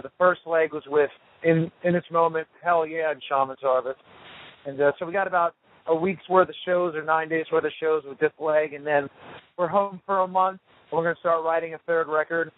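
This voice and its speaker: A man in a band, talking casually over the phone from a tour RV, relaxed and rambling with lots of fillers. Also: fairly high pitch. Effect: heard over a phone line. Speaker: touring rock band member interviewed as guest. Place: tour RV on the road. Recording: tinny phone line.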